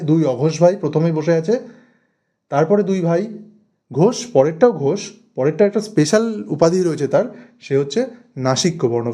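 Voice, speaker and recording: A man with a fairly high, warm and mellow voice teaches a grammar class. He works at a board, drills the terms by repeating them and stresses each key word. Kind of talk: Bengali grammar lesson at a board.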